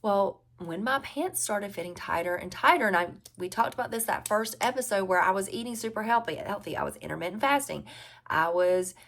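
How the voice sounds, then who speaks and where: Her voice sits in the middle range, fairly bright, with lively intonation and a fairly quick pace. This Southern-drawling woman in her forties works as a health and weight-loss coach, chatting casually with viewers and repeating key phrases for emphasis.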